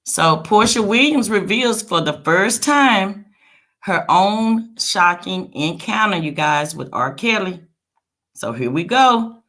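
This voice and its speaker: A woman hosting a casual celebrity gossip livestream, chatting straight to her viewers with frequent check-in tags like a quick okay. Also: mid-range voice, lively intonation, a bit bright.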